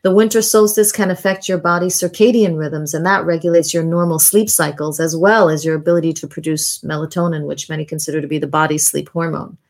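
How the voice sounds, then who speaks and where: A woman hosting a podcast, reading a scripted monologue in a measured, deliberate way with reflective pauses. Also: sits low, steady tone. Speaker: podcast host. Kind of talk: scripted narration, year-in-review monologue.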